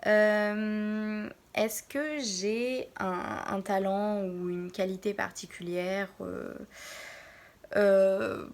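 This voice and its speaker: A young woman in her early twenties from Normandy, answering Q&A questions in a casual vlog from her bedroom, pausing often to think. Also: mid-range voice, steady tone. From France, Normandy. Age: early 20s. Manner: hesitant, pauses often to think. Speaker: vlogger.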